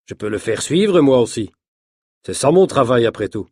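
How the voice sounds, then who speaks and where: A man voicing a calm, helpful male friend who works as an investigator, reassuring and steady, in a read-aloud story. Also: mid-range voice, normal speed, slightly rough, dry recording, studio quality.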